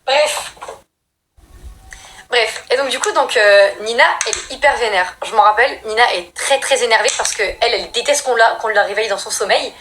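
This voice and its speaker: Young woman from France, casual storyteller, slangy, animated, swings into high loud bursts. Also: moderate pace, a little hiss or hum. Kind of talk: casual scary-story telling. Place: at home doing makeup.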